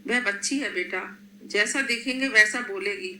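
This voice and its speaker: A woman voicing a gentle, protective elderly grandmother in a storybook reading, in an echoey room. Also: medium pitch, normal speed, slight background noise. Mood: tender.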